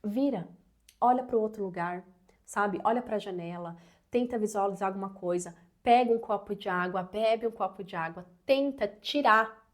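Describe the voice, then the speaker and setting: A woman's voice: mid-range voice, normal speed. Earnest woman giving parenting advice. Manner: earnest, personal, uses many sabe and né fillers. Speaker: parenting educator. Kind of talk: advice talk to camera.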